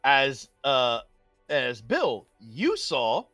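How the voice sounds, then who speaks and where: A bright, lively game master narrates a tabletop session casually, with big swings in pitch. The delivery is animated and often breaks into laughter, close and dry over faint music. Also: extremely slow, no echo. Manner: animated, laughing as they talk.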